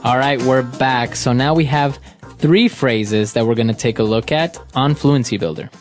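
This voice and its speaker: Over soft background music, a man from Ecuador co-hosts an English lesson podcast as a teacher. His voice is medium-pitched and his speed normal, and he talks in a friendly, conversational manner.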